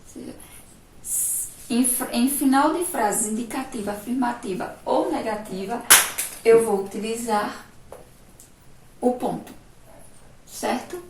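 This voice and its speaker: A woman with a Brazilian Portuguese accent teaching a remote primary-school lesson, explaining slowly and patiently and asking the class rhetorical questions. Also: a little high, darkish tone, reverberant, far from the mic, a little hiss or hum, rough recording.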